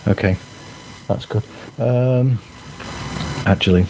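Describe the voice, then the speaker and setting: A man's voice: on the low side, slow, vocal fry, noisy background. A man hosting a podcast over a video call, chatting casually on a headset with frequent stammering restarts. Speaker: podcast host.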